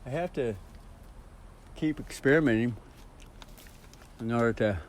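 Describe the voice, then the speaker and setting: A male vlogger rambles casually in a home video, swearing freely and speaking without a filter. His voice is medium-pitched and measured, with clearly noisy ambient sound behind him.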